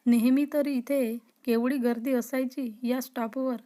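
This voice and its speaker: A shy young college woman, read by a woman narrator answers defensively and scolds lightly. The voice is high and stays level, told as a storybook reading. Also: steady tone, unhurried, dark tone. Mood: flustered.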